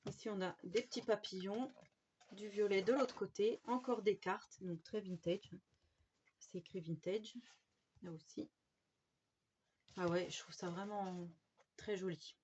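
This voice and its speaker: A woman's voice: medium pitch, fairly even intonation, measured pace, long pauses, darkish tone, lo-fi sound. A woman, chatting enthusiastically through a haul of craft supplies, with many fillers and restarts. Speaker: scrapbooking vlogger. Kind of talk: casual product haul chat. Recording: faint background noise and clicks.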